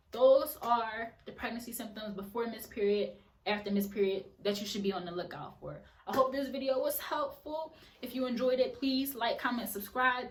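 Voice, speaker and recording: A woman's voice: fairly high pitch, distant mic. A woman giving casual advice in a vlog, chatty and repeating phrases for emphasis. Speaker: vlogger. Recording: roomy echo, voice away from mic.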